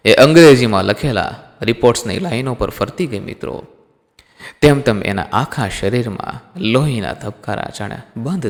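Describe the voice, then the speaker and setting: A man's voice: fairly low pitch, creaky. A man narrating a scripted emotional story dramatically, calling listeners his friends. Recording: long hall reverb.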